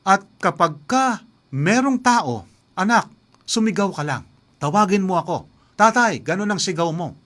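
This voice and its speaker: Male preacher as scheming farmer father, hushed and coaxing, storybook aside in a sermon. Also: high voice, expressive, measured pace.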